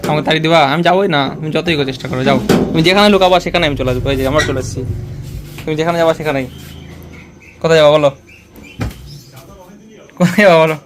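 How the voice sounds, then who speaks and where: Man, fairly high voice, playful, teasing, coaxing, repeats words, casual home vlog. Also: rapid-fire, pauses often, music in the background. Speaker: vlogger.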